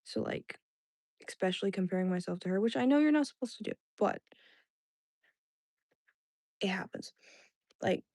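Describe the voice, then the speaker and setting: This livestream host is a young woman whose native language was Indonesian, chatting informally with chat viewers in a meandering, filler-heavy way full of "like"s and restarts. Her mid-range voice is a little mellow with lively intonation, normal speed and long pauses. There's no room sound.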